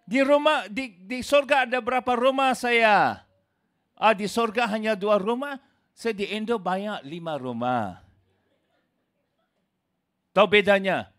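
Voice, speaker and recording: A man preaching a sermon in an emphatic way, calling his listeners brothers and sisters, swinging from loud exclamations to low asides. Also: a little slow, long pauses. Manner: addresses listeners as "saudaraku".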